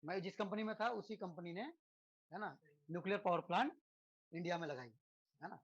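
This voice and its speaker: A chatty Indian physics teacher with a high, husky voice lectures his students a little fast, over lo-fi sound. Conversational throughout, he keeps checking in with tag questions and leans on rhetorical questions and homely examples.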